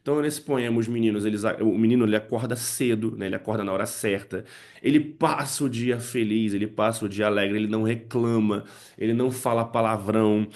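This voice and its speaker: Man with a gravelly voice teaching. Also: fairly low pitch, steady tone, brisk, darkish tone. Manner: explanatory, frequent "né" and "tá" check-ins. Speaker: English teacher. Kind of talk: spoken lesson to parents and teachers.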